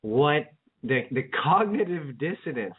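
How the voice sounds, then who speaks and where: A man's voice: a little high, very animated, measured pace, slightly rough. A man co-hosting a casual political talk radio show, rambling with lots of fillers and restarts. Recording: narrow phone-like audio.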